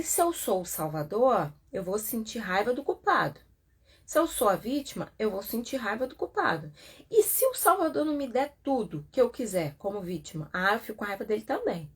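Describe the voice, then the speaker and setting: A woman's voice: a little high, husky. A Brazilian woman therapist comments on a self-help book in a chatty way, with frequent tag questions and acted-out quotes. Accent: Brazilian Portuguese.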